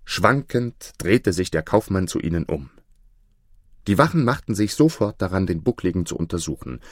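A man calmly reading an old tale aloud as narrator, in a measured storytelling manner. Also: sits low, no room sound, clean studio sound.

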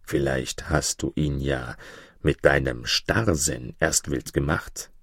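A man voicing a gruff mountain spirit disguised as a charcoal burner, talking deep, slow and stern. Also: lively intonation, no echo, exaggerated voice. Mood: mocking.

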